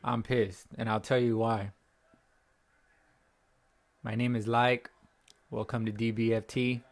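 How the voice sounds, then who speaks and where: At home, a young man who hosts a sports fan channel rants in frustration after a game, repeating himself and rambling as his voice cracks. He speaks slowly in a mid-range, creaky voice with little pitch movement.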